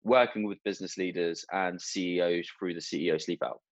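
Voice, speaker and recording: A man's voice: deep voice, fairly even intonation, a little fast. A man interviewing a guest, asking conversational, leading questions. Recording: dull lo-fi sound.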